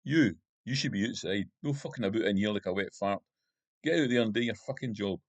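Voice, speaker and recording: A man's voice: lowish voice, fairly quick, no room sound. A man voicing a drunk, belligerent, middle-aged Glasgow gangster with a Glaswegian accent and coarse, swearing speech. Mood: furious. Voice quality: coarse, swearing, slurred by whiskey. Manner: belligerent and panicky.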